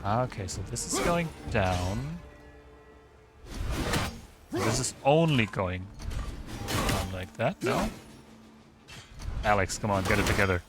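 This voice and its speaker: A man's voice: fairly low pitch, animated, takes it slowly, pauses often, over loud music. A man giving casual, rambling commentary while streaming a video game, swearing casually. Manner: chatty, rambling, swears casually, many restarts.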